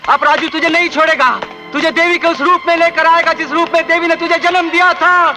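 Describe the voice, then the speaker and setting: A wild, shouting village lover. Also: male voice, very high-pitched, normal speed. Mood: defiant. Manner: shouting, desperate. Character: wild lovesick young rustic man, defiant. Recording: film soundtrack with loud music.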